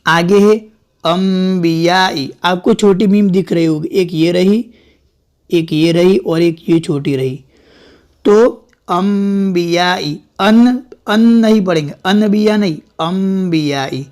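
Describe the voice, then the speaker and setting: A man's voice: sits high, slow, darkish tone. A man teaching Quran reading step by step, patiently repeating words and sounding out each syllable. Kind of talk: step-by-step recitation lesson.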